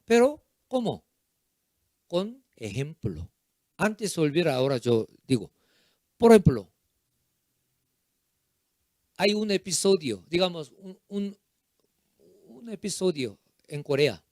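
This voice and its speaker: A man preaching a sermon as pastor, in short halting phrases with simple, non-native grammar and frequent repetitions. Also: fairly high pitch, very animated, a little mellow, no room sound, studio quality.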